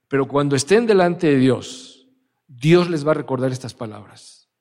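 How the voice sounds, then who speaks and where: A man's voice: medium pitch, animated, normal speed, darkish tone. A male pastor preaching a sermon, emphatic and often asking the congregation questions. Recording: church hall reverb.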